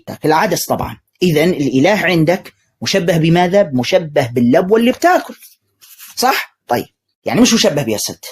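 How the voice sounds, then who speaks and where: A man giving animated polemical commentary as a religious debater. He mocks his opponent, asks rhetorical questions and quotes scripture. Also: a little high, slightly rough. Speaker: religious debater responding to clips.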